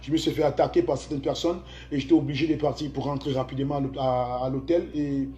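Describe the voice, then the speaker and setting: A man from Cameroon with a Cameroonian French accent, chatting on a livestream in a mocking, animated way and repeating his phrases. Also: medium pitch, fast talker, highs cut off. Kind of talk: mocking livestream chat with sung taunts.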